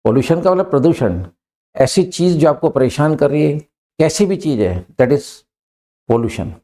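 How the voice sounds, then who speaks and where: A man teaching English phrases in Hindi, stretching the English examples out slowly and often adding "है ना". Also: on the high side, expressive, warm tone. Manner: slow, drawn-out when saying English examples; repeats fillers like "है ना" and "मतलब".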